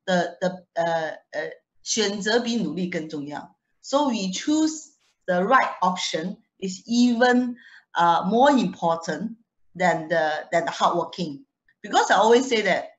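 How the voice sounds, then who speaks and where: With a low-sitting voice, a chatty young woman guest speaker shares a personal testimonial, often laughing and restarting words. Her accent is foreign, not Singaporean, and the audio is poor.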